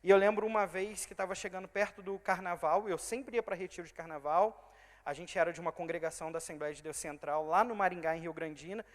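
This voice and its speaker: Brazilian guy preaching in church, tells his story and voices the people in it, goes loud then quiet, fast talker. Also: high voice. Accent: Brazilian Portuguese, Rio de Janeiro state. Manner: storytelling, quoting others in swings of loud and soft. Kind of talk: testimony sermon. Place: church hall. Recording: reverberant church hall.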